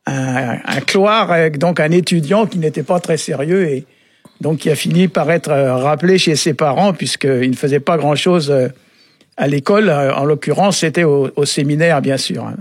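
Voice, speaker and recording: A man explaining word meanings on a radio show in a relaxed, halting way, often pausing with filler sounds. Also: fairly high pitch, husky, no room sound. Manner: halting, often adds "hein" and "euh". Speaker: Breton language expert on a radio show.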